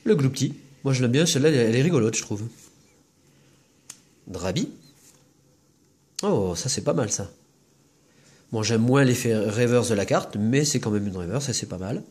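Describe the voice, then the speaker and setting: This man hosts a casual video opening trading card packs, chatting as he lists each card with a quick comment. His mid-range voice is expressive, a little mellow and slightly rough.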